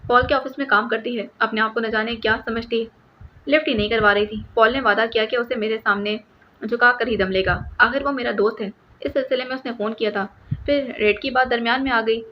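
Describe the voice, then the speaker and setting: A woman's voice: fairly high pitch, steady tone, lightly acted. A woman voicing a hot-tempered, blustering male police superintendent in an audiobook, with an angry, scolding tone. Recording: slightly muffled with faint hiss.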